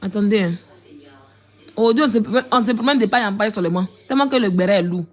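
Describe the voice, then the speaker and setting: A woman's voice: mid-range voice, quick pace. A woman giving mocking, repetitive live-stream commentary, often laughing as she talks. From Ivory Coast. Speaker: social media commentator.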